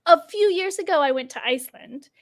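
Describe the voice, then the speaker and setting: A woman hosting a book livestream, talking enthusiastically in a halting way with frequent restarts. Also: extremely high pitch, expressive, no room sound, studio quality. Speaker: livestream host. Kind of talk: casual livestream interview chat.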